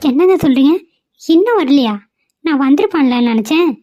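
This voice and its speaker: A woman's voice: high-pitched, lively intonation, brisk, mellow, no echo, faint music behind. A woman voicing an anxious middle-aged mother who pleads and prays, in a cartoon. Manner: fretful, pleading. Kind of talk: cartoon voice acting.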